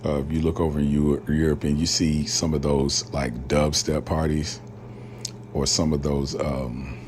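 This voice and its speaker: Over a light hiss, a solo podcast host who grew up in rural Alabama chats loosely in an extremely low, darkish voice, full of slang and fillers. His delivery is flat and unhurried.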